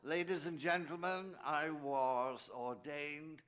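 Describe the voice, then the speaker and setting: At a recovery meeting, an older English-accented priest from England recounts his personal story in a fairly high, fairly bright voice, taking it slowly and keeping a steady tone. His talk is anecdotal, with joking asides for the audience.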